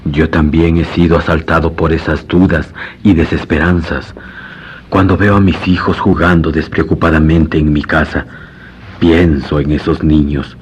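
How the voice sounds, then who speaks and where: A man's voice: a bass voice, flat delivery, moderate pace, slightly rough, heavily acted. A man playing a grave, world-weary lawyer in a radio drama, formal and brooding. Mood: grave, troubled. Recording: dull lo-fi radio recording.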